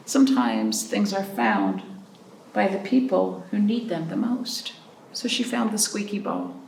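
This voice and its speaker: Reading aloud to young children at storytime, this animated librarian has a gravelly, medium-pitched voice and stretches out story phrases expressively, pausing to ask listeners questions. A distant mic captures a roomy space with faint background noise.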